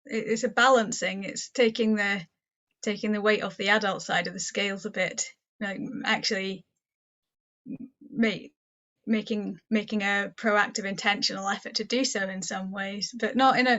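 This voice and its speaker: A woman's voice: mid-range voice, fairly even intonation, normal speed, fairly bright tone, dull audio. A woman co-hosting a casual podcast chat, hesitant and searching for words. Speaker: podcast co-host.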